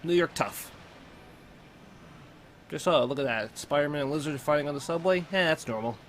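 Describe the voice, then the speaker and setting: A man's voice: fairly high pitch, fast talker, a bit bright, a little hiss or hum. A young man hosting a watch-along, giving casual reaction commentary full of playful, joking asides.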